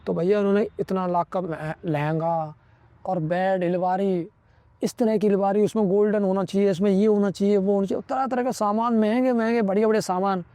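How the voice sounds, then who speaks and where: A man's voice: high voice, steady tone, a little fast, mellow, no echo. A young man vlogging a blunt, preachy advice monologue, punctuating points with "okay". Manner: preachy, lecturing, constantly says "ठीक है".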